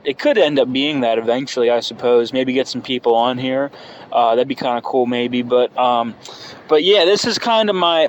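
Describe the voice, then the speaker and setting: A man in his early twenties hosting a casual, unscripted solo podcast, talking hesitantly and thinking aloud into a phone inside a car. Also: medium pitch. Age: early 20s. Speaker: podcast host. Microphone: phone microphone. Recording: noisy car-interior phone recording.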